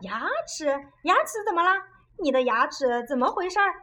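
A woman playing a fussy, doting old aunt in a children's radio play, speaking in quick exclamations and scolding often. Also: high voice, lively intonation, pushed and bright.

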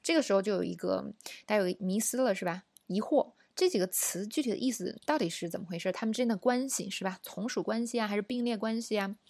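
A woman's voice: mid-range voice, quick pace, a little mellow, no room sound. A woman teaching a casual language lesson, explaining in a chatty way and often asking the listener rhetorical questions. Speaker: English teacher.

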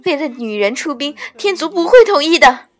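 Audiobook: a hysterical, shrill young ghost queen, very high and loud, put on by a woman reader. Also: big pitch swings, normal speed. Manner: hysterical pleading and screaming.

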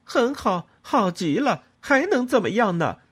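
A man voicing a furious young woman who shouts cutting accusations in an audiobook. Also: extremely high pitch, big pitch swings, measured pace, husky, voice pushed up, heavily acted.

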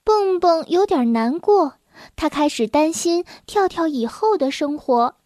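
A woman narrating a children's storybook in a gentle, unhurried manner. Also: very high-pitched, animated, no room sound, clean studio sound.

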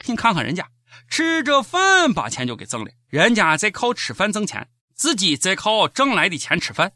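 A man's voice: sits high, wildly swooping pitch, moderate pace, bright, forceful tone, no echo. A man with a Shaanxi accent hosting scripted satirical news commentary in a mocking, sarcastic manner. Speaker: host of a comic news show.

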